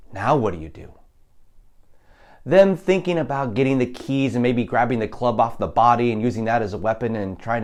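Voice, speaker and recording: A man's voice: medium pitch, darkish tone. A man giving plain, practical advice on running a tabletop game for new players. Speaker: game master teaching. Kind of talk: instructional talk.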